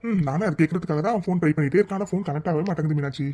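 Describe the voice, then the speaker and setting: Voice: medium pitch, racing, warm tone, lightly acted. A voice actor playing a patient husband in a cartoon serial.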